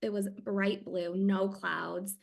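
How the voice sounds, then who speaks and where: Podcast guest: middle-aged woman, gravelly edge, animated storyteller who acts out quotes. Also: mid-range voice, slow. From Michigan. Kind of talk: casual chat.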